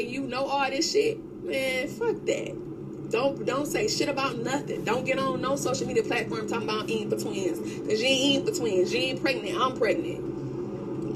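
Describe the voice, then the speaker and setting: A young woman in a heated, unscripted livestream rant, blunt and profane, hammering her points through repetition. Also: high voice. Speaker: social media livestreamer. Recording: very noisy livestream audio.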